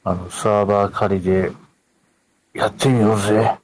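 A man hosting a casual podcast, speaking in a relaxed way and mostly giving short replies. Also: on the low side, moderate pace, no echo, rough recording. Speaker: podcast host.

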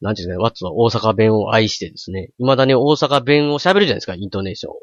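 Osaka man, 40s, rapid animated storyteller, dry close sound. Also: fairly low pitch, no echo, lo-fi sound. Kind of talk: casual chat.

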